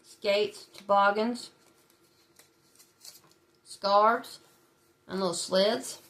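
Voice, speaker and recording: Medium in pitch and fairly bright, her voice carries vocal fry, with a little hiss or hum in the background. She hosts a budgeting channel and, stuffy-nosed from a cold, chats with viewers and gives small laughs while working through savings challenges.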